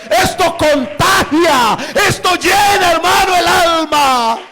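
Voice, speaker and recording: A male pastor shouting his sermon's climax with fervor. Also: very high-pitched, slow pace, a loud crowd. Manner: shouting fervent preaching.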